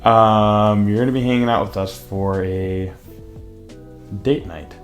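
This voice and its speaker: A man's voice: on the low side, fairly even intonation, takes it slowly, soft background music. A man in his twenties co-hosting a podcast with his wife, goofy and joking in casual chat. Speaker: podcast co-host.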